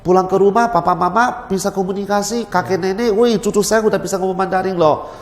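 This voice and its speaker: A man who runs and teaches at a language school, explaining his method, animated and repeating words for emphasis. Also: high-pitched, quick pace. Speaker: Mandarin teacher and school head. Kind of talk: explaining in an interview. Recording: roomy with long reverb.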